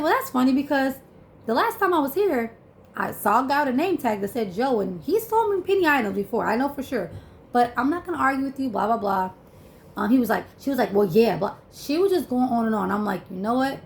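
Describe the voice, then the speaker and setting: Chatty woman with a gravelly edge. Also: on the high side, a little hiss or hum. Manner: animated, acts out dialogue, many fillers. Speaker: vlogger. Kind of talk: storytelling vlog.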